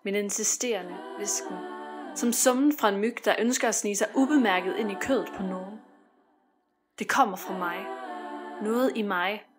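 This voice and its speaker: A woman reciting a poem in an intimate, brooding voice that rises to anguished shouts. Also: mid-range voice. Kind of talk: spoken word poetry over music. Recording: spoken over a music track.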